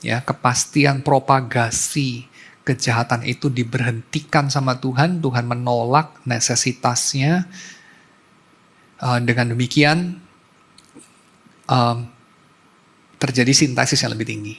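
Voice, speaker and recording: A man's voice: mid-range voice, steady tone, measured pace, long pauses, a bit bright, breathy edge. A man preaching a sermon as a pastor, in a conversational storytelling way, mixing in English terms.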